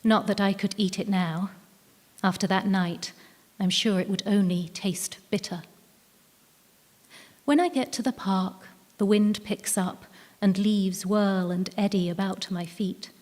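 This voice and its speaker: In the echoey hall of an indoor live event venue, a woman reads a short story narrated in the first person through a stage mic. She speaks unhurriedly at a medium pitch, with fairly even intonation and a darkish tone.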